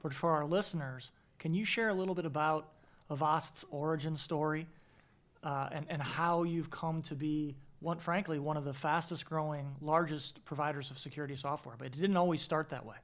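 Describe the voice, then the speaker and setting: A man's voice: a little high, steady tone, normal speed, a bit bright. A man hosting a podcast interview. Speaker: podcast host, sales and marketing executive.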